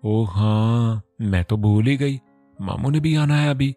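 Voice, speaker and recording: A man voicing a lively, teasing teenage girl in a storybook reading. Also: medium pitch, slow pace, no echo, soft background music, lightly acted. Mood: excited. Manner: playful, teasing.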